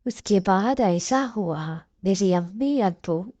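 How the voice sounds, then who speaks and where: A young woman narrating her own story in the first person, in an earnest, soft-spoken confessional way. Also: mid-range voice, lively intonation, slow, no room sound, dull audio.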